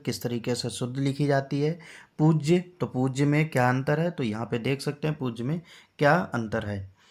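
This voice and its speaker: A male teacher giving an exam-prep spelling lesson, patiently drilling each word and quizzing his class with rhetorical questions. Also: mid-range voice.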